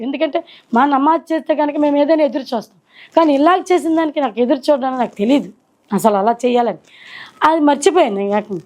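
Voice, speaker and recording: A middle-aged woman sharing her personal faith testimony at home, earnest and reflective, pausing and slowing as she recalls. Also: sits high, darkish tone. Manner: earnest, reflective storytelling with slow hesitations. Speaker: testimony speaker. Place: indoors at her own home.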